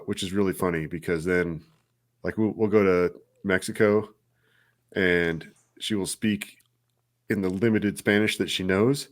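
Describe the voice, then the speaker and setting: A man co-hosting a casual live review show, easygoing and agreeable, chuckling often. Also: low voice. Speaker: co-host of a soda review show.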